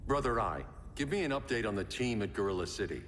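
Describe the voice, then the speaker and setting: An actor playing a terse, gruff superhero leader in a video game cutscene. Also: male voice, on the low side, expressive, fast, natural voice. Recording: reverberant game mix with loud noise.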